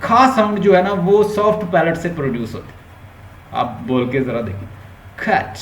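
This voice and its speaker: A male linguistics teacher with a Pakistani Urdu accent, giving an online lecture and explaining step by step while mixing English terms into his Urdu. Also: high voice. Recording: roomy echo, faint background hum.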